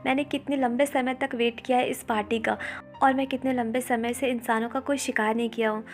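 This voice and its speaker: A woman's voice: fairly high pitch, steady tone, fairly quick, soft background music, natural voice. A woman voicing a hungry male fox demon mocking a trapped child in a story recap. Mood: gloating. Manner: mocking, relishing his prey.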